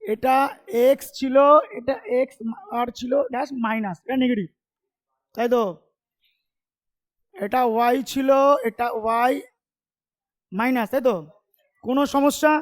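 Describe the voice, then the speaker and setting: A male commerce tutor with an extremely high-pitched voice and steady tone gives an informal classroom lecture. He's chatty and familiar, teasing students and often checking with quick questions whether they follow.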